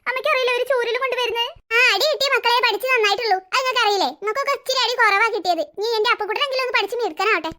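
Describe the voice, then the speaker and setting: Strict cartoon mom, brisk and dismissive, high quick voice, played by an actor. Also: sharp tone. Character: strict, no-nonsense cartoon mother.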